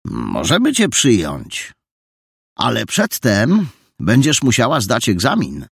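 A bossy, self-assured boy detective, put on by a man in a storybook reading, lecturing his friends with lively, bouncing intonation. The voice sits higher than the narrator's own, with a husky, slightly gravelly grain. The sound is dry and close. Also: slow, dry recording, exaggerated voice. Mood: brisk.

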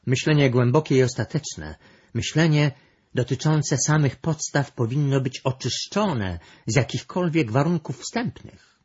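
A man reading a storybook aloud, voicing a calm, thoughtful female creature in a raised voice, in a dull lo-fi recording. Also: mid-range voice, unhurried, breathy edge, voice pushed up. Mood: reflective.

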